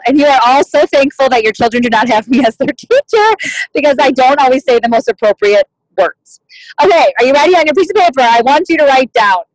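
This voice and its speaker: A woman with a high, bright-pitched voice runs a motivational team meeting, chatty and casual, peppering her talk with "like" and "you guys". The sound is close and dry, as if from a computer mic on a video call. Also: no echo, poor audio. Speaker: team leader at a sales meeting.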